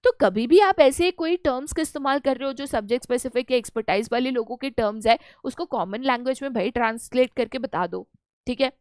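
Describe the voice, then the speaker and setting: A young Indian woman teaching an online lesson, lively and playful, acting out little scenes to make her points. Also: high-pitched, fairly quick, smooth, no room sound, clean studio sound. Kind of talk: online lecture in Hindi mixed with English.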